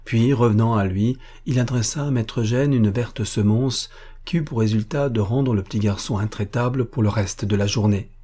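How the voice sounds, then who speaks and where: A man reading a classic novel aloud for an audiobook. His voice is low and husky with a dark, mellow tone, and his delivery is measured and expressive. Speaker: narrator.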